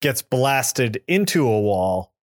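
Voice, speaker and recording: A man's voice: mid-range voice, very animated, takes it slowly. Man laughing through a casual comic recap. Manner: laughs often, acts out characters' lines. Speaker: podcast co-host.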